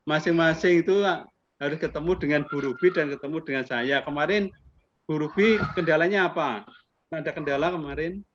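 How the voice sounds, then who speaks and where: A brisk, fairly high-voiced man in his fifties, an accreditation assessor with a Javanese accent, interviews teachers over video. He keeps it friendly and chatty, using Javanese politeness words. The recording is muffled, with background noise.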